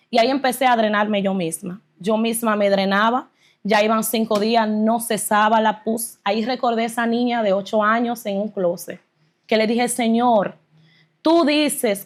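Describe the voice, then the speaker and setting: A woman giving an earnest, fervent religious testimony as an interview guest, retelling her story with emotion. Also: on the high side.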